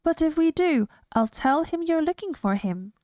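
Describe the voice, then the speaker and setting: A woman's voice: sits high, animated, moderate pace, a little mellow, dry recording, clean studio sound, voice pushed up. A woman voicing a cheerful, kind boy who loves adventures. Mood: eager.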